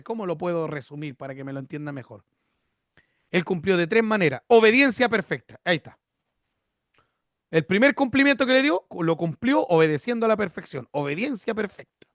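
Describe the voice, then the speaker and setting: High-voiced pastor teaching. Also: male voice, dry recording, studio quality. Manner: explanatory, repeats key words, asks and answers his own questions. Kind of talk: teaching sermon.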